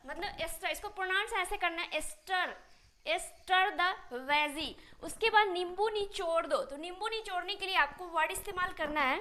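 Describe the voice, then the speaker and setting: High-pitched, bright woman teacher. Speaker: English teacher. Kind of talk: spoken English lesson in Hindi.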